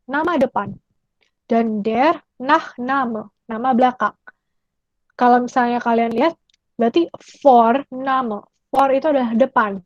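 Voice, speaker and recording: A young woman from Indonesia teaching German, explaining patiently and repeating phrases slowly. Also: a little high, no room sound, dull audio. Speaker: German language tutor. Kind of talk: online language lesson.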